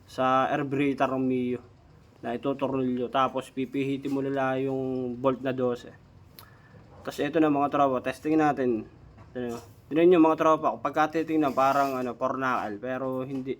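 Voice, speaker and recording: A man's voice: mid-range voice, level tone, moderate pace. A Filipino man giving a casual hands-on tool demo as a DIY mechanic vlogger, informally addressing viewers, his speech slightly slurred by missing front teeth.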